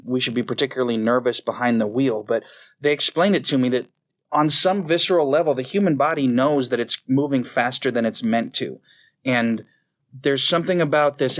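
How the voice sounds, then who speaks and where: Friendly podcast guy talking things through, mid-pitch, easy chatty tone. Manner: friendly, explains at length. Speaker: podcast co-host. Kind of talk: casual chat.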